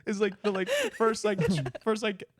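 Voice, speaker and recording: A man co-hosting a comedy podcast, pitching sketches in a giggly, loose way and swearing freely. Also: level tone, normal speed. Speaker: podcast co-host.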